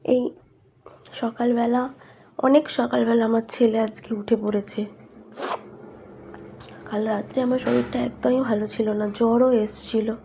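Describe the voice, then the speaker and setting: Slightly hoarse woman vlogging at home. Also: on the high side, steady tone, a little slow, pauses often, mellow, a little hiss or hum. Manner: chatty, talks to viewers while doing chores. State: hoarse from a cold. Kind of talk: casual home vlog narration.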